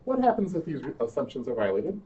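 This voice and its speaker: A man's voice: medium pitch, wildly swooping pitch, fast talker, dark tone, slight background noise. A man presenting in a seminar, playfully quizzing his audience during an interactive lecture. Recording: distant muffled room recording.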